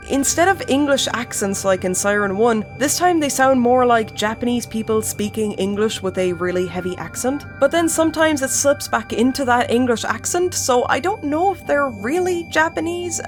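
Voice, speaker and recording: A woman hosting a game video essay in a chatty, casual way, swearing and laughing often. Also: sits high.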